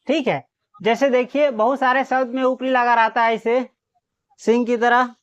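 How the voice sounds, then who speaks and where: A woman teacher giving a classroom lesson on reading Hindi letters. She sounds out letters slowly one by one, then quizzes the class and answers herself. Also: fairly high pitch, steady tone, smooth. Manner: drills by asking questions and answering them herself. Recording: dull lo-fi recording.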